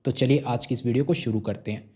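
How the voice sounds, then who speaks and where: A man's voice: medium pitch, fairly even intonation, fast, warm tone. A young adult man hosting a finance explainer, going step by step and asking and answering his own questions. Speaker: finance YouTuber explaining savings schemes. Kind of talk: explainer talk to camera.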